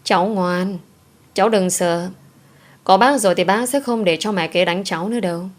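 Woman voicing a gentle kindly neighbor aunt. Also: mid-range voice, normal speed, natural voice. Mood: gentle comforting. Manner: gentle, soothing. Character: kind middle-aged neighbor woman in her forties.

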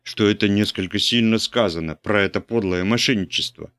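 A man's voice: lowish voice, brisk, fairly bright tone, clean tone, no room sound. A man reading an audiobook, voicing a fawning priest-editor who stammers when scolded. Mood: stammering. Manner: obsequious, stammering under pressure. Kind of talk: audiobook character voice.

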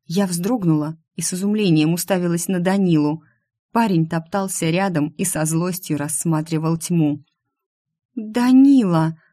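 A woman reading a fantasy audiobook in the first person, her voice a bit low for a woman. The sound is dry and close, with no room around it. Her narration is steady and attentive. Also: moderate pace, dry recording. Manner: urgent, pleading in dialogue.

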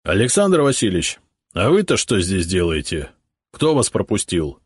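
Guy doing a cranky investigator yelling orders, husky, dry close mic. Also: low voice, very animated, normal speed, no echo, exaggerated voice. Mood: irritated. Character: irritated male police investigator, stern and blunt.

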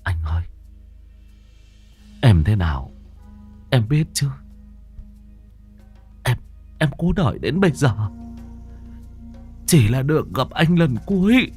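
A man voicing a devoted young gang henchman who is dying, speaking in weak, halting, broken phrases. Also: mid-range voice, very animated, a little mellow, faint music behind, voice pushed up. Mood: fading.

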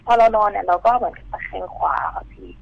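A woman's voice: medium pitch, steady tone, quick pace, vocal fry. A woman calling in to tell a ghost story, earnest and polite, narrating in careful detail over the phone. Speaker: caller telling a ghost story. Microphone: telephone. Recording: muffled phone line.

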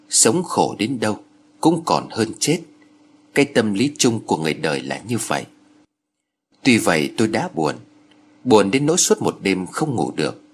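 A man narrating stories aloud in a measured, expressive way. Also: fairly low pitch, slight background noise. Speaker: story narrator. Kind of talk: scripted audiobook narration.

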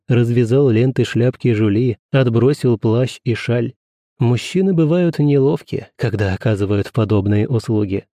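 A man narrating a classic novel in a measured, even storytelling manner. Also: medium pitch, no echo, studio quality. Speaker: audiobook narrator. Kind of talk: scripted literary narration.

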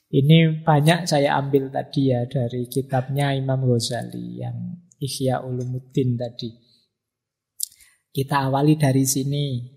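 A man giving a relaxed religious lecture, chatty and humorous, often acting out students' remarks. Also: medium pitch, gravelly, husky. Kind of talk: relaxed study-circle lecture. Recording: long hall reverb.

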